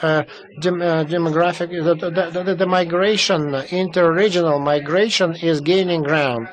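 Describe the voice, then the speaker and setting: A man giving simultaneous interpretation at a panel discussion, halting, with many fillers and restarts. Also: on the high side, low-quality recording. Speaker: conference interpreter.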